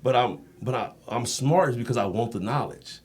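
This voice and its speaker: A medium-pitched American voice at normal speed belongs to a podcast guest who is both a Marine and an endurance coach. His talk is casual and anecdotal, and he animatedly acts out the dialogue he quotes.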